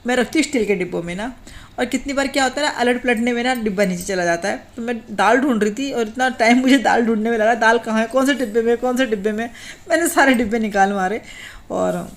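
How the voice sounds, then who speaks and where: Woman talking while she cooks in her kitchen, slightly high voice, rambling and chatty, a bit of a throat clear here and there. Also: fast talker. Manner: rambling, repeats filler phrases, talks straight to viewers. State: recovering from a cough, clears throat. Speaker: home vlogger and mother. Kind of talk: casual chatty home vlog narration. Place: home kitchen while cooking.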